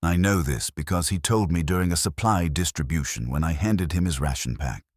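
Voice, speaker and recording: A man with a deep voice narrates, in first person, the grim life of a hollow, faithless warrior nun from a script. His delivery is brisk, solemn and clipped, with a bleak, detached mood. The clean studio recording has no room sound.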